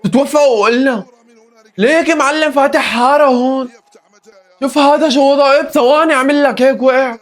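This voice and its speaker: A hoarse young man with a Levantine Arabic accent, hosting a live football match reaction and exclaiming at every chance. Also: very high-pitched, a little fast. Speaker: football reaction video host.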